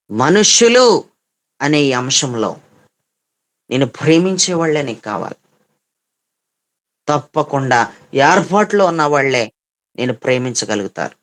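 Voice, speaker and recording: A man preaching a sermon as pastor, emphatic, repeating phrases and firing off rhetorical questions. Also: on the high side.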